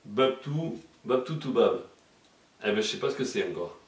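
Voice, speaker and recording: Low-voiced man in an echoey room. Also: animated, moderate pace. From Marseille, France. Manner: hesitant, many fillers and restarts. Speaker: journalist guest. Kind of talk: casual explanatory interview talk. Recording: echoey room, mic far off.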